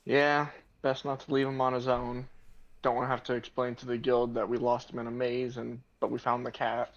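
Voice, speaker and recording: A man's voice: mid-range voice, completely flat delivery, moderate pace. A man playing a tabletop game, speaking matter-of-factly in short turns. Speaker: player. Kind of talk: casual tabletop role-play chat. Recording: dull lo-fi mic.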